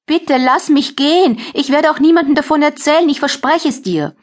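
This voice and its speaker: A woman's voice: high voice, normal speed, voice pushed up, natural voice. A woman voicing a weak, frightened young woman held captive, pleading in a trembling voice, in an audiobook. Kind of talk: audiobook character voice.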